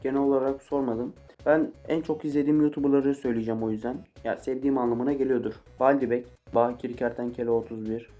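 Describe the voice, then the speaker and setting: A man's voice: mid-range voice, steady tone, quick pace, hardly any pauses, narrow, tinny audio. An eighteen-year-old man answering viewer questions in a casual vlog, joking and swearing with mock-angry outbursts. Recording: faint guitar music behind.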